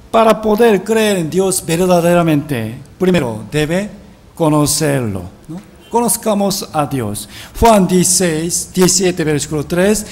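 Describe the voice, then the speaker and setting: A man with a fairly high-pitched voice and a darkish tone teaches a Bible seminar in a sermon style. He reads scripture aloud and poses rhetorical questions to his listeners, often adding a tag question.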